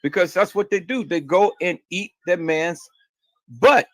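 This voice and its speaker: Man ranting crudely in a rambling monologue, voice on the high side, dry and close. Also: expressive, measured pace, fairly bright tone, no echo. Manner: crude, rambling, repeats words.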